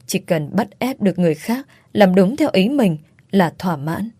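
A woman's voice: mid-range voice, lively intonation, moderate pace, dark tone, slightly rough, no room sound. Woman reading a story aloud. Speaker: narrator. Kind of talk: scripted first-person story narration.

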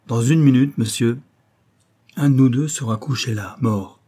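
A man's voice: medium pitch, measured pace, warm tone, close to an everyday voice. A man reading an audiobook and voicing a desperate young nobleman who speaks solemnly and pleads before a duel. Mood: solemn pleading.

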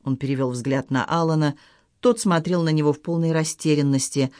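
A man reading a dramatic novel aloud as audiobook narrator, in a measured storytelling delivery. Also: on the high side, darkish tone, no echo, studio quality. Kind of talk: scripted narration.

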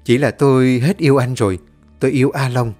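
A man's voice: medium pitch, fairly quick, a little mellow, soft background music, natural voice. A man doing a cold, curt young woman. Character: young woman, coolly dismissive.

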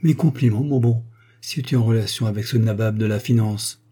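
A man's voice: lowish voice, fairly quick, mellow, husky. A man voicing a scheming former notary clerk turned fixer, jovial and fond of saying "mon bon". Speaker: character in an audiobook.

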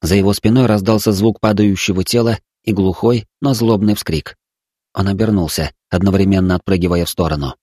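Male audiobook narrator, low voice, dry close sound. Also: a little fast, warm tone, dry recording. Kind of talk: audiobook reading.

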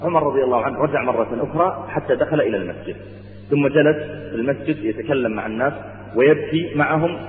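A male preacher rushes through a vivid story, voicing each person in it. His slightly high voice comes through a thin, phone-like channel. It rings in a long hall echo over a faint hum. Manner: dramatic retelling, acting out the people in the story. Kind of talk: sermon storytelling.

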